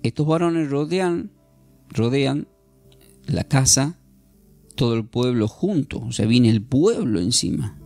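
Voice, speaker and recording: A man teaching an informal Bible class, animated and jokey, acting out scenes and often restarting. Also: medium pitch, takes it slowly, vocal fry, long pauses, dry recording, soft background music.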